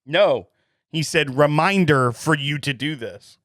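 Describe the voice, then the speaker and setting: A man's voice: a little high, expressive, unhurried, a bit bright, dry recording, studio quality. A man, co-hosting a podcast and telling long family stories with frequent laughs. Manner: chatty storyteller, laughs often. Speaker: podcast co-host. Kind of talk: casual chat.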